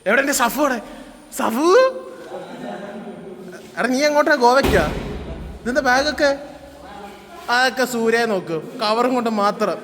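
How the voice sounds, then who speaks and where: A young man speaking in an extremely high, fairly bright voice at a measured pace with long pauses vlogs casually while on a road trip, standing by a bus with his friends. He teases them and introduces each to his handheld camera as the group chatters busily.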